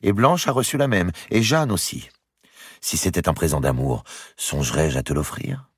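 Un homme qui prête sa voix à une jeune princesse joueuse, moqueuse et coquette, dans un livre audio. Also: male voice, low-pitched, normal speed, breathy edge, no echo, studio quality, pitched above the performer's own voice. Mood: taquine. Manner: mocking, coquettish.

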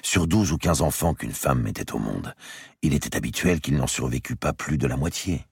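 A man narrating a historical novel as an audiobook in a measured, expressive storytelling manner. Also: rumbling low, vocal fry, breathy edge, no room sound, studio quality.

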